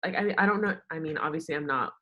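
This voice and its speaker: This low-pitched young woman from the United States speaks quickly on lo-fi audio, chatting as an interview guest. She used to golf in college and now works in sports media, and her anecdotes are full of "like" and acted-out quotes of what people said.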